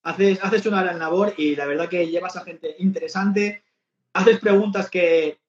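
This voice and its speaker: Speaking at a measured pace in a high, steady voice, a male podcast host who lives in Barcelona chats in a loose, rambling style with many restarts. The sound quality is lo-fi, dull and echoey.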